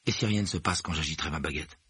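A man's voice: extremely low pitch, rapid-fire, sharp tone, husky, no echo, full character voice. A man voicing an earnest young schoolboy wizard.

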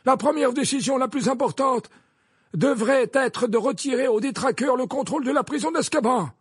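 A grave, commanding old wizard headmaster, voiced by a man reading a storybook aloud. The voice sits very high and husky, every word pressed slow and firm, recorded close and dry. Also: no echo. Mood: stern. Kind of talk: audiobook character voice.

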